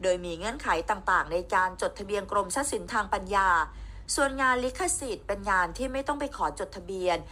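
A woman reads a scripted news report as voice-over, her tone bright and clear. She explains things in a steady, even read and ends her sentences with polite particles. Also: medium pitch, a little fast.

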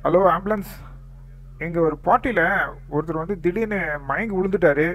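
A man narrating a role-play game story, reassuring the other characters and explaining what he sees. His voice sits slightly high with a playful lift. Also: a little fast, slight background noise, low-quality recording.

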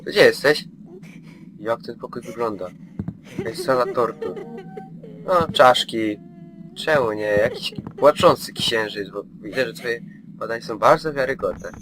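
A man's voice: mid-range voice, unhurried. A man commenting on his own play of a horror game, joking and chatting to the game's characters in a mock-soothing way. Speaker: gameplay commentator.

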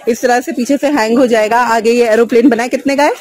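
A woman's voice: a little high, fairly even intonation, quick pace. A woman vlogging through a busy outdoor market, chatting casually with sellers, asking prices and repeating them for viewers. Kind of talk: casual shopping vlog. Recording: loud crowd noise outdoors. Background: market crowd chatter.

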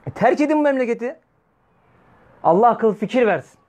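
A man's voice: very high voice, expressive, fairly quick, a little mellow. A man preaching, scolding and fiery, throwing rhetorical questions at his listeners. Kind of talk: weekly religious talk.

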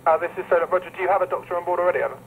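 A man's voice: high-pitched, fairly even intonation, very fast, phone-quality sound, slight background noise. A man working as a coast guard radio operator, heard over a marine VHF radio and using formal radio procedure.

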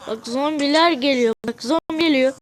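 A young gamer with a Turkish accent giving excitable, casual gameplay commentary and scolding the game characters. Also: sits high, normal speed. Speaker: gaming video creator.

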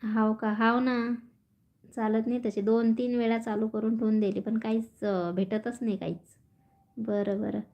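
A woman's voice: a little high, little pitch movement, normal speed, dark tone. A woman chatting casually on a phone live stream, reading out viewer comments and laughing often. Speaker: vlogger reading live chat.

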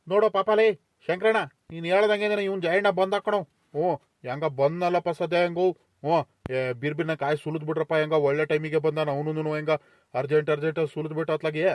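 A man's voice: a little high, a little mellow, dry recording, close to an everyday voice. A man voicing an elderly village farmer in a comedy cartoon, talking in a rural southern Karnataka Kannada accent and fussing to hurry his workers. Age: older. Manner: fast, fussing and peacemaking. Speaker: farm owner.

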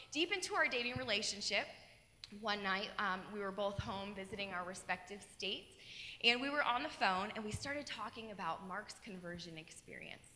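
A young woman from Colorado, the keynote speaker, shares an earnest personal testimony into a handheld mic on a large, dark auditorium stage, using animated gestures. Her voice is a little high, with long hall reverb and a little hiss or hum in the recording.

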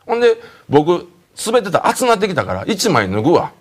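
Fast, animated Kansai man telling a story. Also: high voice. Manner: animated, laughing through his own anecdote. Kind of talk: comic storytelling on a talk show.

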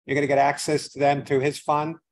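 In poor audio, a financial advisor with a slightly high voice and level tone gives casual opening remarks at a seminar, speaking a little fast to a live audience at an event venue. He rambles somewhat, makes self-deprecating comments, and uses plenty of fillers.

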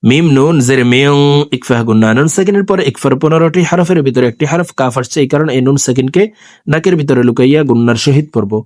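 A man teaching scripture reading who spells out each word, then chants it in a slow, drawn-out way between brisk explanations to his viewers. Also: mid-range voice, darkish tone, no room sound, studio quality. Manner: addresses viewers directly. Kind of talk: spelling-out recitation lesson.

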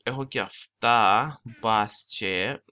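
A young man giving casual gameplay commentary, talking fast and rambling, switching into English phrases and mocking himself. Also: lowish voice, sharp tone, clear, resonant tone. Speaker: gaming channel host. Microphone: desktop mic, no camera.

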